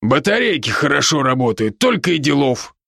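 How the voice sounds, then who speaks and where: An actor playing a boisterous, teasing male werewolf friend in an audiobook, with brash rapid-fire banter. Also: mid-range voice, big pitch swings, vocal fry, fairly bright tone, no room sound, studio quality, full character voice. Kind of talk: audiobook character voice.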